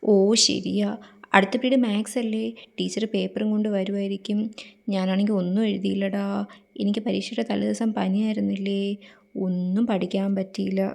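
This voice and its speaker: Gravelly-voiced woman doing classroom sketch. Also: mid-range voice, flat delivery. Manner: plays every student in turn, quick shifts of voice. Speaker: comedy sketch creator.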